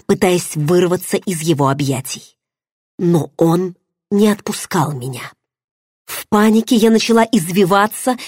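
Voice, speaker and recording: A woman's voice: lowish voice, husky, no echo, clean studio sound. A woman narrating a romance novel in the first person, reading with emotive drama. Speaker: audiobook narrator.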